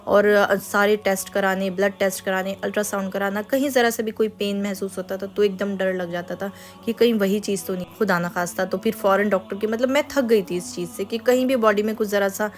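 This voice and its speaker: A woman's voice: mid-range voice, steady tone. Earnest woman sharing a personal story. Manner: earnest, confiding, unhurried storytelling. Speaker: channel host. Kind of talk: personal religious testimony.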